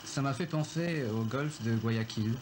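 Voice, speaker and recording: A man recalling his family's story in a film interview, reflective and halting, with many pauses. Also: medium pitch, noisy background. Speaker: filmmaker recounting his family.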